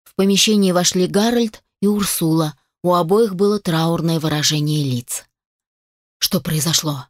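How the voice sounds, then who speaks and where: A woman reading a fantasy audiobook as narrator in scripted narration, even and measured. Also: lowish voice, dry recording, clean studio sound.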